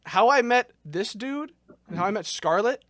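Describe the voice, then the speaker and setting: A man's voice: high voice, lively intonation, normal speed, fairly bright tone, dry recording, studio quality. A young man hosting a casual podcast chat, joking, swearing and laughing often. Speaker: podcast host.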